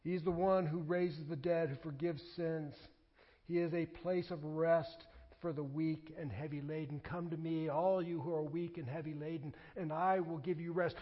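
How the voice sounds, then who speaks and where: A pastor preaching a sermon, moving between quiet scripture reading and loud emphatic declarations. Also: male voice, fairly high pitch, fairly even intonation, normal speed, lo-fi sound.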